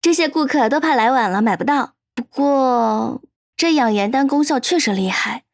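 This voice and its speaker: A woman's voice: high-pitched, expressive, normal speed, noisy background. An actress playing a young woman salon owner, earnest and sometimes worried.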